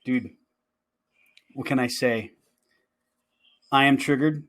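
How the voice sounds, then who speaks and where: Male co-host, medium pitch, casual banter, quick to laugh. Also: fairly even intonation, fairly bright tone. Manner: laughs often, loose and jokey. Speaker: podcast co-host. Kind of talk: casual chat.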